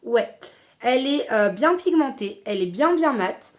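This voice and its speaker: A woman's voice: fairly high pitch, animated, a little slow. A young woman casually reviewing an eyeshadow palette, hesitant with many fillers. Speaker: beauty vlogger.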